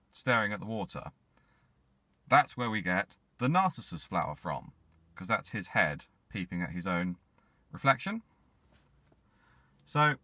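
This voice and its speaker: Jokey man with deadpan asides. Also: on the low side, dry recording. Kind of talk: casual comic storytelling.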